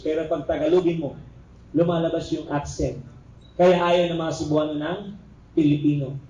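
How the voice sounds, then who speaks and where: High-voiced Filipino man lecturing in an echoey hall. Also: dark tone, slight background noise. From Philippines. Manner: jokey, quizzes the class. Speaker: criminology review lecturer. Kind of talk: classroom lecture. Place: lecture room. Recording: echoey room, recorder far off.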